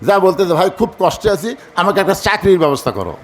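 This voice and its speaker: A man's voice: high-pitched, lively intonation, racing. A man preaching a sermon, emphatic and calling on the crowd to answer, sometimes breaking into sung verse. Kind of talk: sermon at a religious gathering.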